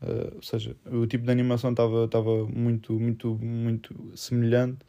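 A man's voice: medium pitch, monotone, brisk, dark tone, highs cut off. A young man with a European Portuguese accent in casual conversation, mixing English phrases into his speech. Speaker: film discussion podcast co-host. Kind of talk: casual chat.

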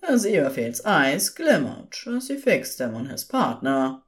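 Expressive and measured, a woman storyteller narrates scripted audio fiction in a deep voice.

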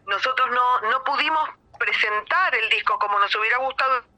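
A woman's voice: fairly high pitch, moderate pace, pushed and bright, low-quality recording. A middle-aged woman from Argentina with an Argentine Spanish accent, a musician talking effusively and at length as an interview guest. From Buenos Aires province, Argentina. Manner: effusive, rambling, restarts often. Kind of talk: casual interview chat.

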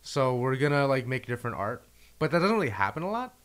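A man chatting casually as a co-host, self-mocking and quick to laugh. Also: mid-range voice. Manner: self-mocking, laughs often, animated when excited. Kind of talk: casual chat.

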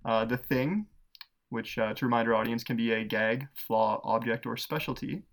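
A man co-hosting a podcast, pitching movie ideas in casual chat, laughing often and rambling with fillers. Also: steady tone, normal speed, gravelly. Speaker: podcast co-host.

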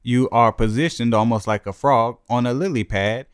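A man's voice: mid-range voice, normal speed, smooth, no echo, studio quality. A man co-hosting a podcast, talking in a blunt, slangy, joking way in casual crude banter. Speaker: podcast co-host.

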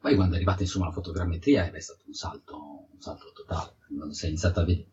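A man's voice: low-pitched, fairly even intonation, racing, darkish tone, a little hiss or hum. A man from Italy giving conversational technical answers in an interview, often repeating words and restarting as he explains. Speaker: interviewed field geology researcher. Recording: dull, muffled audio.

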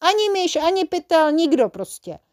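A woman's voice: very high voice, very animated, pitched above the performer's own voice. A woman voicing a boy who leads a band of child agents in a storybook, firm and commanding.

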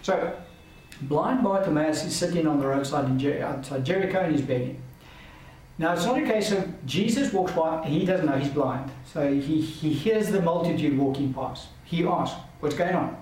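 A man's voice: on the high side, moderate pace, a little mellow. A man giving a Bible teaching lecture in an earnest, emphatic way, driving points home through repetition. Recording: very echoey, distant mic, faint hiss.

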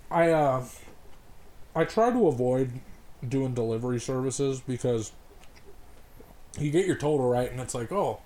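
A man's voice: medium pitch, unhurried, pauses often, dark tone. A man co-hosting a podcast in casual, profane, joking chat, sometimes talking with his mouth full. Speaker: podcast co-host.

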